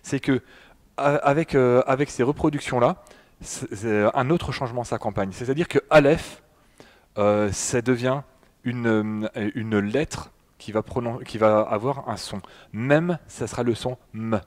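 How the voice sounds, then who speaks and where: A man's voice: medium pitch, measured pace. A man with a French accent giving a public lecture with slides, talking to the audience with many fillers and restarts. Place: public hall in front of an audience.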